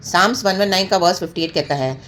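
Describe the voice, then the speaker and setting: Lowish-voiced woman preaching, amen-filled. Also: fairly quick, a bit bright. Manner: peppers talk with amen and hallelujah; mixes English phrases into her preaching. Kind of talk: sermon.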